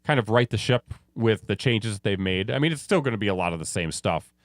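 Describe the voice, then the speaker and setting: A man's voice: lowish voice, lively intonation, fairly quick, no room sound, clean studio sound. A man co-hosting a TV podcast, chatting casually and offering opinions with frequent restarts. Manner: conversational, trails off and restarts, opinionated. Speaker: podcast co-host. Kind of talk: casual chat.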